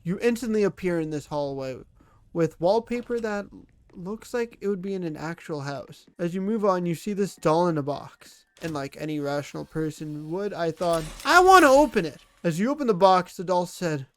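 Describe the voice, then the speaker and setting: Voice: medium pitch, moderate pace, a little mellow, no echo. A gaming video creator narrating a casual scripted game recap in a blunt, sarcastic and dismissive way.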